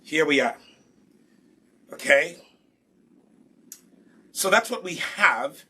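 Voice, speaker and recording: A Ugandan man teaches a live hair care lesson, patient and instructive, often posing a question and then answering it himself. His voice sits a little high, very bright and sharp with a husky texture, and he speaks expressively and extremely slowly.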